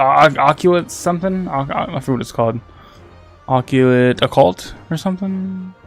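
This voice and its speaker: A man streaming a game, chatting casually with viewers and restarting his sentences a lot. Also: mid-range voice. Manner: rambling, with frequent restarts and repeated words. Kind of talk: casual livestream gaming chat.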